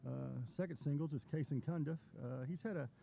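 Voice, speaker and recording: A relaxed man with a gravelly voice talks as a guest on a local tennis stream, sounding upbeat. The audio is dull and lo-fi with faint hiss. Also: a little high, a little fast. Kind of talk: casual interview.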